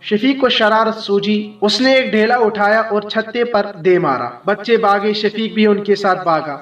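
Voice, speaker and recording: A man narrating children's stories for an audiobook in measured, short clipped phrases. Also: sits high, fairly bright tone, far from the mic. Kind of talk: scripted children's story narration. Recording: roomy echo, heard from afar, faint music.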